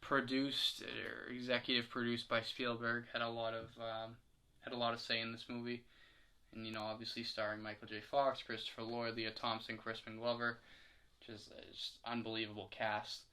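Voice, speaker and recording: A man's voice: medium pitch, completely flat delivery, moderate pace, bright, forceful tone. A young man co-hosting a podcast, chatting casually in a rambling, hesitant way with lots of fillers. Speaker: podcast co-host. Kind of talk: casual chat.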